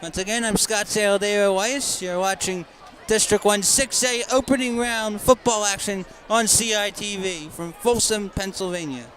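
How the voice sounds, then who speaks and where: A young man with a high voice calls a high school football game live, chatty and quick to echo the official calls. A crowd murmurs faintly and outdoor noise sits behind him. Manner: chatty, repeats the official calls, excitable on fumbles. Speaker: play-by-play announcer.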